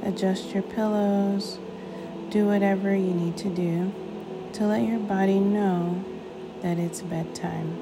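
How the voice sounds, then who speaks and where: A woman guides a sleep meditation like a sleep story narrator, soothing and unhurried, with long pauses between short phrases. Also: medium pitch, fairly even intonation, noisy background. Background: music.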